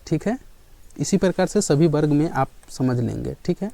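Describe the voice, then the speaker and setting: A man teaching a grammar lesson in a somewhat high, dark and mellow voice. He checks in with his listeners again and again and answers his own questions as he goes. The sound is dry and close, with no room around it. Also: lively intonation, moderate pace, creaky, no echo.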